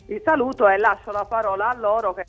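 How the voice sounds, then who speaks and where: A woman calling in from a theatre on speakerphone, her voice echoing as if in a cathedral, briskly introducing others. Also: medium pitch, steady tone, muffled recording, soft background music. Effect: echoey speakerphone line, like a cathedral. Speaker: theatre press contact on the phone. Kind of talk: casual radio phone-in. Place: theatre hall. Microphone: phone on speakerphone.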